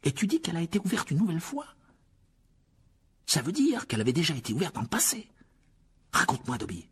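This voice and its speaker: A man voicing a young boy wizard in an audiobook drama, asking sharp, demanding questions. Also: on the high side, wildly swooping pitch, fast talker, breathy edge, voice pushed up, heavily acted.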